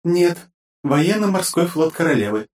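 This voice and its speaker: A man's voice: a little high, sing-song, normal speed, darkish tone, pitched above the performer's own voice. A man voicing a polite, deferential young woman assistant in an audiobook.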